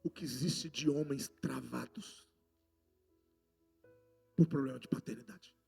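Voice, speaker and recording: A man with a Brazilian Portuguese accent preaching a sermon, passionate and swinging between loud outbursts and hushed lines. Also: mid-range voice, unhurried, gravelly, breathy edge, soft background music. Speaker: apostle preaching.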